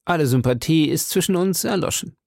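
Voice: medium pitch, brisk, vocal fry, darkish tone, dry recording, studio quality, voice pushed up, natural voice. A reader voicing a vain, boastful male musketeer who speaks pompously and pities himself in an audiobook. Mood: affronted. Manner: pompous, self-pitying. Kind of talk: audiobook character reading.

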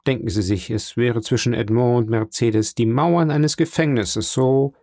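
A man's voice: mid-range voice, a little slow, a little mellow, no echo, clean studio sound, natural voice. A man reading aloud and voicing a cunning, mocking schemer in a raised, sharper voice. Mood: persuasive.

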